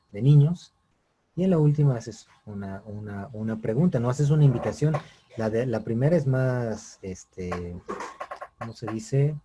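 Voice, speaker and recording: A man's voice: medium pitch, mellow, slightly rough. A man teaching a writing class, explaining step by step and checking in often with his students. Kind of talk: online class lecture.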